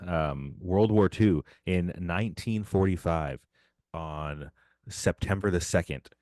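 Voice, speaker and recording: A man's voice: sits low, a little mellow, no room sound, clean studio sound. A young man co-hosting a casual podcast with his brother, joking crudely and swearing often. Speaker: podcast co-host.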